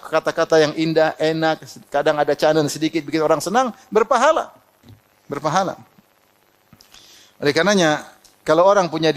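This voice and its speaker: A middle-aged man preaching a sermon, telling personal anecdotes, quoting Arabic and laughing often. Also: on the high side. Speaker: Islamic preacher.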